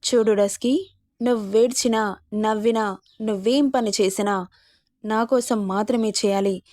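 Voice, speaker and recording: A woman's voice: mid-range voice, steady tone, a little slow, a little mellow, no room sound, clean studio sound, lightly acted. A woman voicing a possessive domineering lover. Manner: possessive, teasing. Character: possessive, domineering young man, romantic lead.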